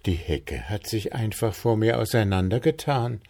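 A man's voice: medium pitch, takes it slowly, creaky, dark tone, pitched above the performer's own voice. A man voicing a young male bird prince in a storybook, eager and romantic, with a piping voice.

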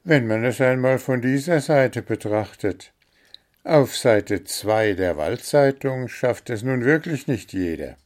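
A man voicing a vain, quick-tempered male gnome, loud and scolding. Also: mid-range voice, lively intonation, pitched above the performer's own voice. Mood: boastful. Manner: sharp, scolding, self-important.

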